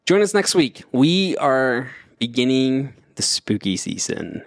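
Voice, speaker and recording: A man co-hosting a laid-back movie podcast, with a voice in the middle range. His delivery is relaxed and thoughtful, and he often trails off mid-sentence. The sound is dry and close, with no room around it. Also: medium pitch, takes it slowly, dry recording. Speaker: podcast co-host. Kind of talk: casual chat.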